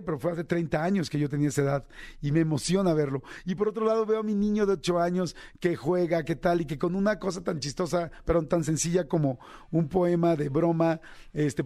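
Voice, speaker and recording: A man's voice: on the high side, dark tone. A man, a radio host telling a personal story in a chatty way with many fillers. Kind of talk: casual storytelling monologue.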